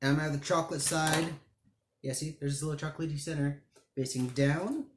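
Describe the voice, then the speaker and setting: A man hosts a casual home cooking video and talks his way through each step as he goes. His voice sits a little high, and the room echoes around him with a faint hiss in the background. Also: steady tone, a little fast. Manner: chatty, thinking aloud while working. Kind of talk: casual how-to narration.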